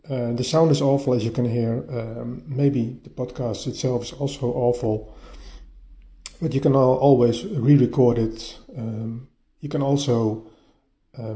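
Lo-fi phone audio captures a mellow, mid-range male voice hosting a casual solo podcast from a partly furnished, slightly echoey bedroom. The sound is dull, and he talks haltingly, frequently restarting and repeating words.

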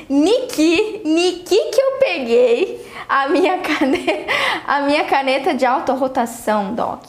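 A young adult woman with a Brazilian accent, a dentist telling a patient story to fellow dentists in a lively, animated way. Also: high voice, reverberant. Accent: Brazilian Portuguese. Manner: animated storytelling, acts out quotes. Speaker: dentist teaching other dentists. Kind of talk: casual teaching talk with a story.

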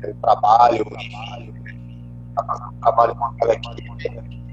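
A man's voice: mid-range voice, monotone, measured pace. Man, interviewer, choppy cutting-out call audio, headset, restarts and rephrases, dull lo-fi sound. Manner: asks questions with many restarts and rephrasings. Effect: choppy internet call audio that keeps cutting out. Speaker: interviewer on a live stream. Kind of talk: live video-call interview. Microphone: headset earphones on a call.

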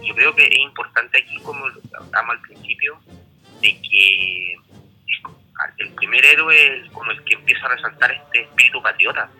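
A man's voice: medium pitch, normal speed, creaky, pushed and bright, husky, faint music behind, low-quality recording. A man with a Chilean accent casually discussing history, rambling with many restarts and fillers. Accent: Chilean Spanish.

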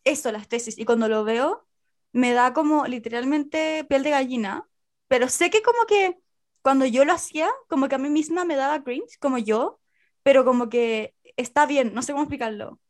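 A young Chilean woman with a high voice chats casually. Her speech is colloquial Spanish sprinkled with English words and local slang. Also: normal speed. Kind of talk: casual chat.

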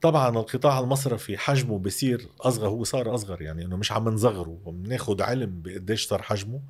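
Fast-talking Lebanese man explaining economics. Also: on the low side, slightly rough. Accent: Lebanese Arabic. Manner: emphatic, uses rhetorical questions. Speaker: interview guest, economic commentator. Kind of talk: explanatory interview talk on economics.

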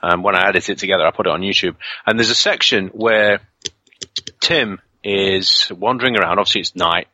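A man from the UK with a low, bright and forceful voice tells an animated, rambling anecdote in a casual interview, filling gaps with "um" and "uh". His voice comes through as dry, dull, lo-fi audio with no room sound. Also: fairly quick, no room sound. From United Kingdom. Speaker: ghost hunter guest.

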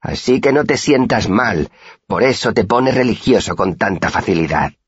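A man voicing a crude, greedy street boy who jeers and taunts loudly. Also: high voice, very animated, brisk, breathy edge, no room sound, dull audio, pitched above the performer's own voice, heavily acted. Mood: jeering. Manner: loud, crude, jeering.

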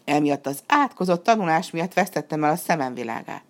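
A woman's voice: low-pitched, expressive. A woman voicing a grumpy striped tomcat who fakes being blind in a storybook reading, with a growling, huffing delivery. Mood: grumbling.

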